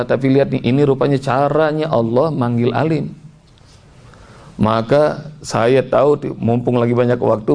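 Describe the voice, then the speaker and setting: A gravelly-voiced male preacher delivers a storytelling sermon at a middle pitch. He talks straight to the congregation in a lively way and acts out the people in his story.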